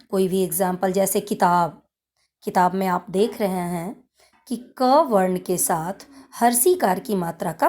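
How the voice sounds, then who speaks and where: A woman teacher explaining a grammar lesson to children, repeating key points in a deliberate way. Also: medium pitch, darkish tone. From India. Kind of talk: slow classroom lesson explanation.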